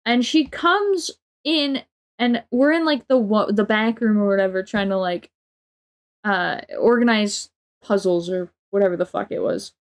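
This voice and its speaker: A woman's voice: mid-range voice, measured pace. A young adult woman livestreamer telling a casual, exasperated story with lots of swearing and filler words.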